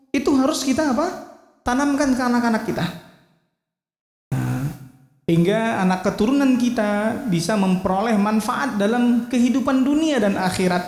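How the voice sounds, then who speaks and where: Lively male religious teacher. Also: very high voice. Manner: lively, acts out scolding parents. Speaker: Islamic teacher. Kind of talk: religious study lecture. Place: mosque hall. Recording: echoey hall.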